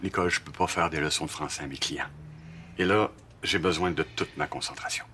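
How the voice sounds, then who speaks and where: A man's voice: extremely low pitch, fairly even intonation, brisk, background noise. An actor playing a busy, slightly flustered appliance repairman. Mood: harried. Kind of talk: TV drama acting.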